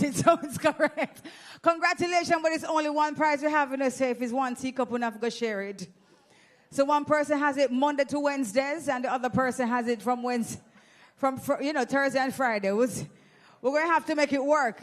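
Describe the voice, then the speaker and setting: A woman's voice: high-pitched, fairly quick. A Jamaican woman hosting an event, teasing and chatting with the audience into a handheld mic. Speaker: event host. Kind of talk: lively emcee banter with audience. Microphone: handheld microphone.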